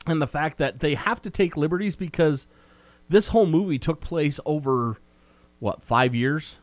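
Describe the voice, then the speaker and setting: A man's voice: fairly high pitch, moderate pace, no echo. A man co-hosting a casual film review chat, recapping the plot in a meandering, talkative way. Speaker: movie review co-host.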